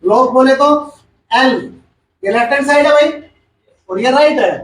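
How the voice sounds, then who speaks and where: A man's voice: very high-pitched, measured pace, fairly bright tone, a little hiss or hum. A male chemistry teacher gives a classroom lecture. He repeats each point and quizzes the class as he goes. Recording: echoey room, far from the mic.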